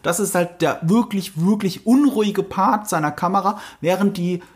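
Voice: medium pitch, normal speed. A podcast co-host with a film background, explaining camera choices in casual chat and teasing with quiz questions. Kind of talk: casual chat about a TV series.

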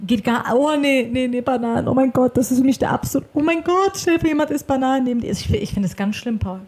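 A woman's voice: high-pitched, fast talker, warm tone, husky. A woman co-hosting a casual podcast from her apartment, talking animatedly with dramatic exclamations. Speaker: podcast co-host.

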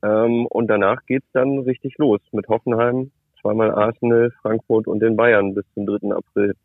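A man's voice: fairly low pitch, flat delivery, normal speed, no room sound. Man talking over a tinny phone line. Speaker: reporter and club expert. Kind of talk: casual phone-in chat. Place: in a car.

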